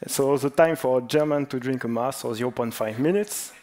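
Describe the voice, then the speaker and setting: A man's voice: medium pitch, fairly quick, a little mellow. A man presenting at a conference who runs a joking quiz in a playful, teasing manner. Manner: playful, jokes about national clichés.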